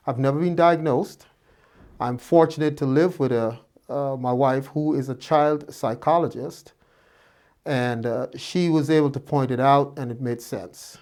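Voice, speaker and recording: Here the Guyanese doctor, a man in his fifties, sounds mid-range and darkish as he reflects on his life for a group of students. His relaxed personal storytelling is peppered with fillers and restarts.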